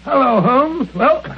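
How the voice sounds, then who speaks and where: An actor playing a loyal gentleman doctor, hesitant, grumbling yet genial, in old-time radio drama style. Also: very high-pitched, heavily acted. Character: loyal, mildly indignant gentleman doctor, detective's companion. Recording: muffled, phone-thin, noisy vintage radio broadcast.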